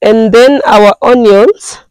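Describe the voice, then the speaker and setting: Hoarse woman on a garden tour. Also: fairly high pitch, slow, darkish tone, no room sound, rough recording. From Namibia. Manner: chatty, hesitant, with many fillers and restarts. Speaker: gardening vlogger. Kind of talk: casual garden tour talk to viewers. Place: outdoors in a backyard garden.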